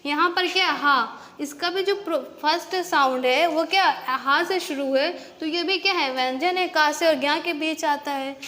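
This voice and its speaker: A woman's voice: sits high, a little slow, few pauses, bright, forceful tone, long reverb tail. A woman teaching an English grammar lesson, asking rhetorical questions and answering them herself. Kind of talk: classroom-style grammar lesson.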